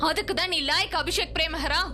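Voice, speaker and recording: A woman's voice: very high voice, quick pace, bright, forceful tone, a little hiss or hum. A woman voicing a spurned woman who bitterly threatens the man who rejected her, in a dubbed TV serial. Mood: vengeful. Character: spurned woman vowing revenge on the man she loves. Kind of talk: Tamil-dubbed TV serial acting. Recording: TV drama dub with faint music behind.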